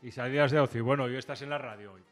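A man hosting a casual radio interview, chatty and teasing, firing quick follow-up questions. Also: medium pitch, soft background music. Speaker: radio host.

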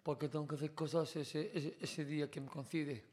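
Interviewee: man, youth football coach, slightly high voice, hesitant and repetitive. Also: fairly even intonation, normal speed, darkish tone. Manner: hesitant, repeating words before answering. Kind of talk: casual street interview answers.

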